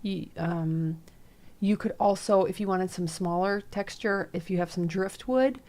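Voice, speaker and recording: A woman's voice: mid-range voice, measured pace, darkish tone. A woman co-hosting a casual live stream, easygoing and a little rambling as she gives suggestions. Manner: easygoing, rambling with fillers and restarts.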